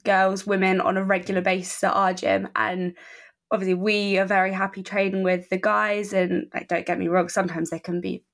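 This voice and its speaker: A woman's voice: medium pitch, flat delivery, brisk. A young woman, a semi-pro fighter, answering interview questions enthusiastically, with plenty of "I mean" fillers. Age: young adult.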